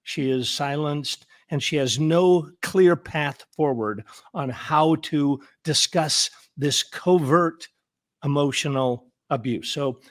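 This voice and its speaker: A man's voice: on the high side, slow pace, no echo, clean studio sound. A man, a therapist guest in an interview, talking earnestly and emphatically, repeating words for stress and often restarting his sentences. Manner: frequent stammered restarts. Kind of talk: conversational interview.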